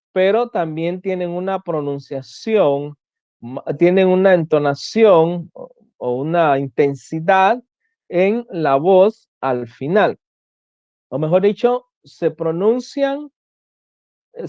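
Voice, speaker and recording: A teacher giving an online class, slowly explaining and listing example words one by one. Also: medium pitch, darkish tone, dry recording. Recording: dull lo-fi sound.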